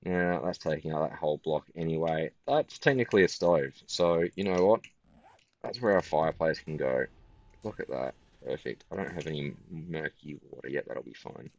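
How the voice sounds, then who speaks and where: A tired man giving casual gameplay commentary in a flat, musing way. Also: rumbling low, moderate pace, vocal fry. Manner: self-described monotone, relaxed and musing.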